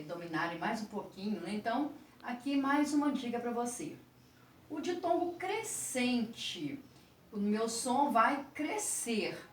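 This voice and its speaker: A woman teacher with a Brazilian Portuguese accent giving a video lesson to sixth graders, explaining slowly and asking the class questions as she goes. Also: medium pitch. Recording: roomy echo, voice from a distance, faint noise.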